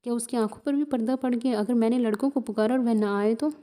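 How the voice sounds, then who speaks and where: A woman's voice: a little high, fairly even intonation, fast talker, mellow, natural voice. A woman voicing a brooding, proud young village man who answers in curt, sullen retorts.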